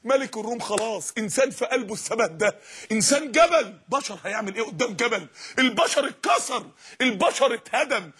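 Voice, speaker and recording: A man with an Egyptian Arabic accent preaching an impassioned sermon, often shouting. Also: very high voice, animated, quick pace, slightly rough.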